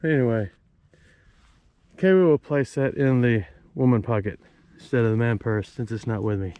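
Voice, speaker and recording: A man's voice: medium pitch, moderate pace, mellow, no echo. Folksy man. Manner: folksy, wry joking. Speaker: metal detecting vlogger. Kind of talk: casual outdoor vlog commentary. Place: outdoors in a rural yard.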